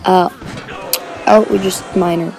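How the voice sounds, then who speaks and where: A woman's voice: on the low side, steady tone, unhurried, poor audio. A woman giving chatty, giggly commentary over her gameplay, recorded afterwards.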